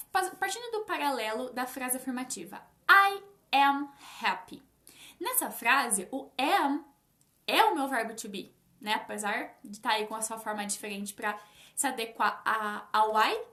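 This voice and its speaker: A young Brazilian woman teaching English in a casual live-stream lesson, speaking straight to her viewers and slowing down to stress her English examples. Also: sits high. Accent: Brazilian Portuguese. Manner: lively, talks directly to viewers, stresses English examples slowly. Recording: echoey room.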